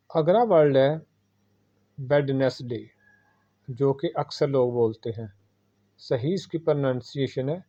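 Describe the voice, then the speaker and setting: Slow, deliberate male pronunciation teacher. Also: a little high, warm tone. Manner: slow and deliberate, repeating each word for the listener. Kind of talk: scripted vocabulary lesson. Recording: dull, lo-fi recording.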